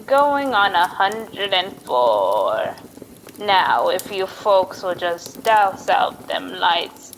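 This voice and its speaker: In old-time radio horror-host style, a woman acts as a cackling, sly witch over a hundred years old, a rustic storyteller spinning spooky tales in folksy rural dialect with gleeful relish. Her fairly low voice is expressive, with drawn-out words and a full character voice. The recording is low quality, with slight background noise.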